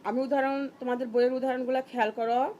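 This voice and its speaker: A Bangladeshi woman teaching an English grammar lesson to young students, patient and deliberate, breaking words into syllables. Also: high voice, little pitch movement, warm tone, slight background noise. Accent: Bangladeshi Bengali.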